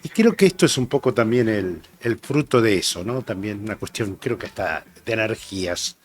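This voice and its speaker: A rugby journalist in his sixties from Argentina tells stories as a guest in a relaxed, anecdotal interview chat. His voice is on the low side at a moderate pace, with a Rioplatense Spanish accent. He rambles and reminisces, with many "eh" fillers.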